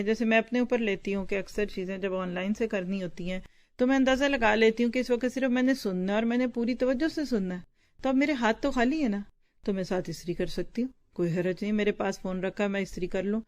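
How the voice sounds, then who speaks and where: A woman's voice: mid-range voice, darkish tone. A woman Islamic teacher reading from a book to her students and explaining it, stopping to ask and answer what words mean. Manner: pauses to explain word meanings with quick questions to the class; conversational, addresses listeners directly.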